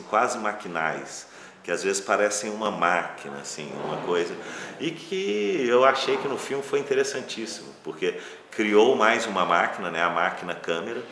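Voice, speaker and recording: With a low-pitched, sharp-toned voice and a Brazilian accent, a film director reflects casually on his filmmaking during an interview, drifting into loosely phrased asides. The recording carries a roomy echo and faint noise behind him.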